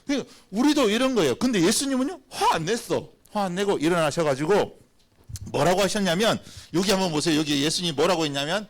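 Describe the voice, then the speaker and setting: A man pastor giving a lively, playful children's sermon and having the children repeat after him. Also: high-pitched, fast. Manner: animated, playful, acts out little scenes.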